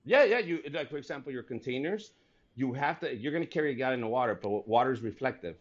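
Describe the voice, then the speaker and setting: A man in his forties, a comedian, chatting casually and telling stories in an animated, laughing way. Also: mid-range voice, fast, dull audio. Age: 40s. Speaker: comedian guest. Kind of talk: casual podcast chat.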